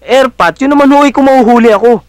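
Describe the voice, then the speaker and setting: An actor playing a pesky, glib young petty thief in a Filipino film drama, full of excuses, with a Filipino accent. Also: male voice, very high-pitched, quick pace, darkish tone, no room sound. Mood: defensive. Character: mischievous, pesky young cousin, petty thief, policeman's son.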